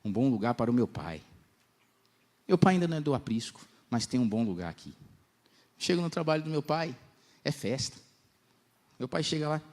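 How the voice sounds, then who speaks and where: A young man preaching at a church congress, telling lively stories in slangy talk and acting out the voices he quotes. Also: medium pitch, moderate pace, long pauses. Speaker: pastor. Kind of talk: lively storytelling sermon.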